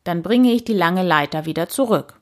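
A woman voicing a stout, grumbling male neighbor in a children's story, speaking slowly and plainly. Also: fairly low pitch, expressive, natural voice. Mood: plodding.

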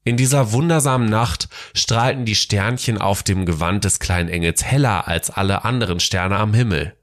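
A man narrating a Christmas storybook tale in a gentle, measured way. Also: fairly low pitch.

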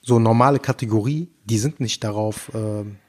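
A man's voice: lowish voice, moderate pace. A man co-hosting a podcast, chatting casually and telling a short anecdote with lots of fillers. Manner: relaxed, chatty storytelling with filler ne?. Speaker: podcast co-host. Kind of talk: casual chat.

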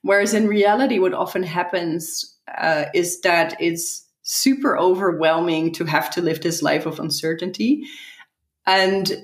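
A woman answering interview questions thoughtfully, often repeating a word as she gathers her thoughts. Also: fairly low pitch. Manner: thoughtful, repeats words as she thinks, laughs lightly. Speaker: guest. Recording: echoey room.

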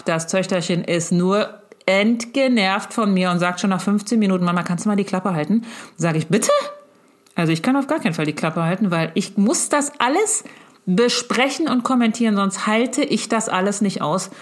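A middle-aged mother talks straight into her phone in a casual video message to her grown daughter. She rambles effusively, leaping up into high excited bursts and then dropping into low, confiding asides. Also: moderate pace. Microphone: handheld phone.

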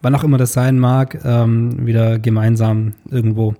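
Relaxed young man with a mellow voice. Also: medium pitch, normal speed. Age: young adult. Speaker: podcast co-host. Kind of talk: casual podcast chat.

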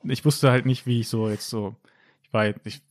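Young male co-host, casual storyteller, acts out the people in his stories with big jumps in pitch, mid-pitched voice. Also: normal speed, no echo, studio quality. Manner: animated storyteller acting out quotes with jumps in pitch. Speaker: podcast co-host telling a story. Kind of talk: casual chat.

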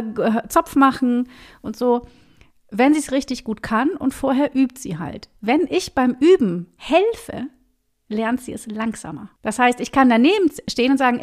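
Talking about her work as a singing teacher, a woman with a somewhat high voice sounds relaxed and lively in a podcast conversation recorded on a podcast mic. Again and again she breaks into small, animated scenes with her students, voicing each part.

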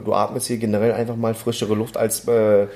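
A man chatting casually as a podcast co-host, relaxed and halting with many fillers. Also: fairly low pitch. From Germany. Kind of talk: casual chat.

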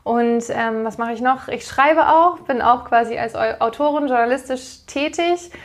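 Chatty German woman, bright higher voice. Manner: friendly, rambling, many fillers. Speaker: interview guest, yoga teacher. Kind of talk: podcast interview.

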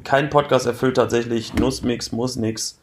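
A man chats casually on a podcast. He talks in halting, trailing phrases. His voice sits at a middle pitch. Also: steady tone. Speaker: podcast co-host.

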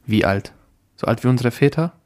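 A man's voice: mid-range voice, lively intonation, brisk, darkish tone. Teasing young man, slangy chat. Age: young adult. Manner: teasing, slangy, pushy questions. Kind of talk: casual chat.

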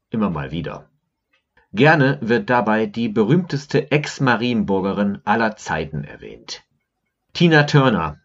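A man from the Rhineland narrates his own scripted essay for a podcast, his telling dry and ironic. His pitch moves in lively swings around a middle register. The recording sounds a little dull and muffled. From Germany, Rhineland. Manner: wry, ironic storytelling. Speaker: podcaster and blogger.

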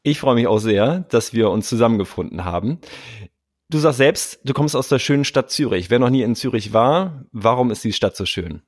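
A man's voice: mid-range voice, animated, moderate pace, no room sound, studio quality. A man hosting his own podcast, asking long, rambling questions in a friendly way. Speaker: podcast host. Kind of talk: conversational interview.

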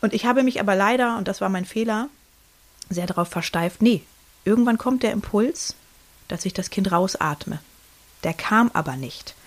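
A woman's voice: mid-range voice, moderate pace. A woman in her thirties chatting casually on a podcast, telling a personal story with many fillers and restarts and acting out what people said. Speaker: podcast co-host.

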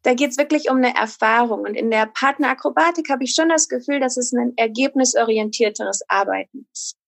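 A woman answers interview questions in a calm, articulate way and lays out her points in order. Her voice sits slightly high. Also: fairly quick, vocal fry. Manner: calm, articulate, structured explanations. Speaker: guest, acro yoga teacher.

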